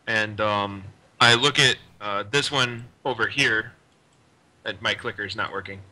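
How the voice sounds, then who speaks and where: Man, tabletop player, casual playful chat, very bright tone. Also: fairly low pitch, steady tone, a little slow, poor audio. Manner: playful, eager player talk.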